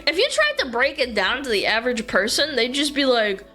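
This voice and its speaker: A woman's voice: high voice, huge pitch swings, a little fast, sharp tone. A woman speaking casually and bluntly in a played-back video clip. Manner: blunt and offhand. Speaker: commentator in a reacted clip. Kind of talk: casual opinion talk.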